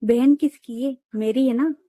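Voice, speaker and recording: A joking young man with a brotherly streak, voiced by a female storyteller in close to her own voice. He speaks in quick wisecracks. The tone is warm and the recording is dry. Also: high-pitched, no echo.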